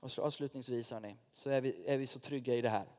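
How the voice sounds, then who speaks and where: A man's voice: medium pitch, a little mellow. Male pastor, casual conversational preaching, recorded in a church with long reverb. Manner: informal, direct address to the congregation, personal stories. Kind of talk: sermon.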